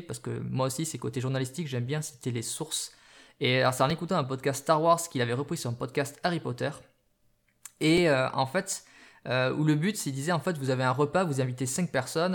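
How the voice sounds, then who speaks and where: French man hosting a casual podcast. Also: mid-range voice. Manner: rambling, many restarts and fillers. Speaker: podcast host. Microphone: call over Skype.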